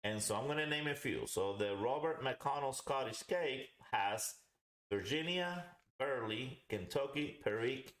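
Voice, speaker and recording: A man with a mid-range, fairly bright voice hosts a live pipe tobacco review, speaking a little slowly but in an animated way. He rambles through explanations and repeats himself for emphasis. It's an echoing, roomy home recording.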